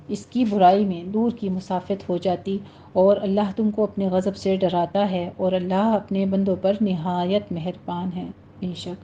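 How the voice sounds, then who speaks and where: A woman teaching a recitation lesson, patiently explaining rules step by step and slowly modelling the words. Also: mid-range voice, mellow. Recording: slightly muffled recording with faint noise.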